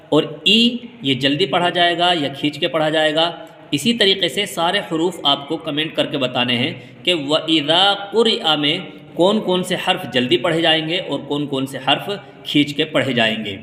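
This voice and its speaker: A man's voice: a little high, sharp tone. A man from India teaching Quran reading step by step, patiently explaining and drawing out and half-chanting the letter sounds. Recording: echoey room with long reverb.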